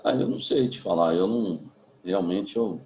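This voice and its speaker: A man with a Brazilian Portuguese accent, a physics teacher giving a remote class in a relaxed, chatty way, full of tag questions. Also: low voice, moderate pace, roomy sound, a little hiss or hum, poor audio. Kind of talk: remote class, casual chat.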